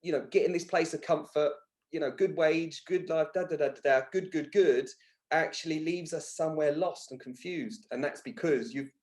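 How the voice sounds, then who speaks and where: This podcast guest, a man in his thirties, speaks at a normal speed in a darkish voice that sits on the high side. Earnest and emphatic throughout the conversational personal-development interview, he often repeats words for emphasis.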